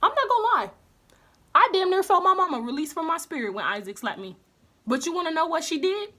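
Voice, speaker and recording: A young woman vlogger telling a slangy, animated storytime while doing her makeup. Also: very high voice, a little fast. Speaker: beauty vlogger.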